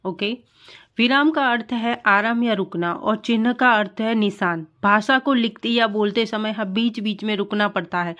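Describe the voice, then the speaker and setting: A woman teacher giving an online grammar lesson, reading example sentences slowly and explaining them step by step, with English grammar terms mixed in and quick apologies when she corrects herself. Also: mid-range voice, a bit bright.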